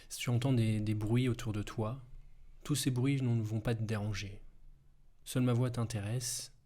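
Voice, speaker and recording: A man guiding a hypnosis session slowly in a soft, hushed, intimate voice, as if right in your ear. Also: medium pitch, fairly even intonation. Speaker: hypnosis guide, video host.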